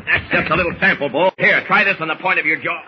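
A bold, taunting superhero, voiced by an actor, who sounds cocky and sure of himself. This is an old radio drama with a dull, muffled sound and clear background noise. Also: male voice, a little high, fast talker, lightly acted. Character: superhero in disguise, bold confident male fighter. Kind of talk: 1940s radio acting.

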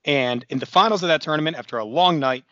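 A man with a hoarse, raspy, worn-out voice, talking casually as a podcast co-host. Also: on the high side, quick pace, pushed and bright, no room sound, highs cut off. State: hoarse, voice nearly gone, throat-clearing. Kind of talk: casual conversational podcast talk.

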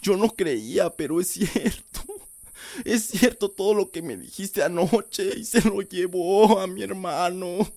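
A man's voice: high-pitched, measured pace. A young man playing a frightened, cursing young Mexican man. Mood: shaken. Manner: shouting, cursing, defiant. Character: frightened young man searching for his lost brother. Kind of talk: radio drama acting. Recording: drama with loud music score.

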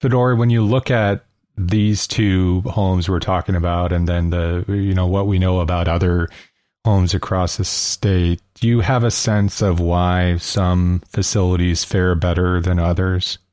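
A very low-voiced male host asks measured questions in a casual radio interview, with a few fillers along the way. The sound is dry and close, with no room in it at all. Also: fairly even intonation, darkish tone, no echo.

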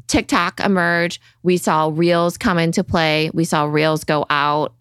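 A woman's voice: sits low, fairly even intonation, a little slow, fairly bright tone, smooth, no room sound. Emphatic woman podcast co-host, dry sound. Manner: emphatic, leans on "right?" and "you know". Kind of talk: casual podcast chat.

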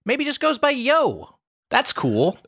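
A man co-hosting a casual podcast chat, making dry, measured wisecracks. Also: extremely high pitch, wildly swooping pitch, gravelly, fairly bright tone, husky, no echo. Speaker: podcast co-host.

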